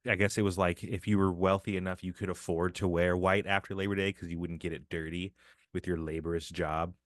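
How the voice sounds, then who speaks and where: A man's voice: deep voice, little pitch movement, a little fast, no room sound, clean studio sound. A young man co-hosting a casual podcast with his brother, joking crudely and swearing often. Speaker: podcast co-host.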